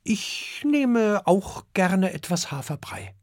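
A small, clever fire dragon boy who explains things eagerly in a slightly raised voice, put on by a male storybook reader. His talk is lively in pitch. The recording is close and dry. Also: takes it slowly, dry recording, full character voice. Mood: eager explaining.

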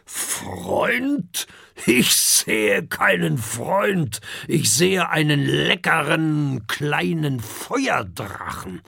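A man doing a hoarse, gluttonous big dragon. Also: fairly high pitch, big pitch swings, drawn-out words, bright, forceful tone, dry recording, studio quality, heavily acted. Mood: gruff grumbling. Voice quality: hoarse, grumbling. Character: huge greedy male dragon, gruff glutton.

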